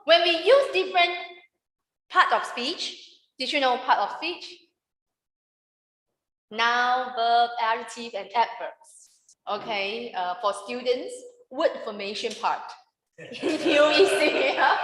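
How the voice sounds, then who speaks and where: A woman's voice: a little high, bright, forceful tone. A woman, a teacher presenting a workshop lesson at a club meeting, who keeps checking in with her audience. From Malaysia. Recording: echoey room.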